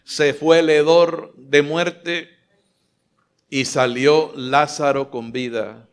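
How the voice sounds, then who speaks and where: A male pastor preaching a live sermon from a church stage. His voice sits a little high, and he is emphatic and rousing. He keeps firing questions at his listeners and urging them to answer louder. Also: steady tone, slow pace, clear, resonant tone. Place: church stage before a large congregation. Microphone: filmed from a stage mic.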